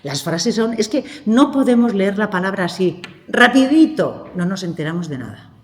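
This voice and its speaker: A woman's voice: medium pitch, very animated, normal speed. A woman from gives a spiritual lecture in a seminary hall, repeating words and putting questions to her listeners. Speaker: speaker at a theology week for lay people. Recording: echoey hall reverb.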